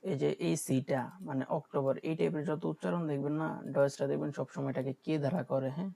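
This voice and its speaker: A man's voice: fairly high pitch, fairly even intonation, a little fast, creaky, mellow, poor audio. A Bangladeshi man teaching German vocabulary in an online class, explaining patiently and repeating each word. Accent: Bangladeshi Bengali. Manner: explains patiently, repeats words, asks "হ্যাঁ?". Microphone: video call.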